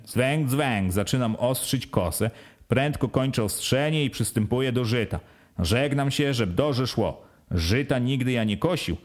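A man reading an audiobook in the first person, with earnest, plain storytelling. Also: medium pitch. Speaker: audiobook reader.

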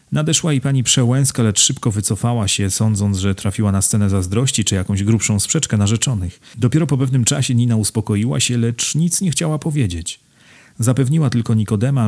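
A man narrating a novel in a measured, literary reading style. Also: lowish voice, darkish tone. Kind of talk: audiobook narration.

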